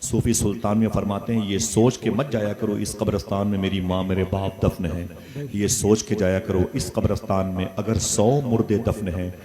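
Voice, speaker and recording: Low-voiced preacher man before a crowd. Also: steady tone, normal speed. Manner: impassioned, swells loud on dialogue. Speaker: Islamic preacher. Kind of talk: sermon storytelling. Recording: live crowd gathering. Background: audience murmuring responses.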